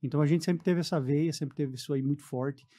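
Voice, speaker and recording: Speaking a little fast with fairly even intonation, this man has a warm voice on the higher side. He's in his forties, carries a southern Brazilian accent, and chats casually about his story as a radio interview guest in the studio.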